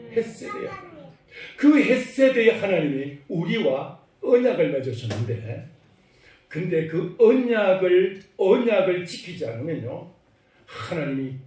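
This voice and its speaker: A male pastor preaching a sermon in a church, animated, acting out little dialogues and putting questions to the congregation. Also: a little high. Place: church sanctuary. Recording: very echoey hall, mic far off.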